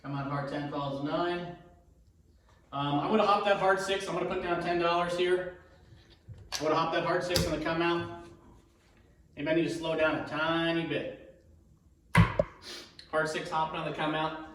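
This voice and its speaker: Male demonstrator with a cold, fairly high voice, casual halting play-by-play with repeated calls, recorded in a very echoey room. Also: flat delivery, noisy background. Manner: halting, self-narrating, repeats each call. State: has a cold, throat-clearing. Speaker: dice betting demonstrator. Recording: very echoey room, distant mic.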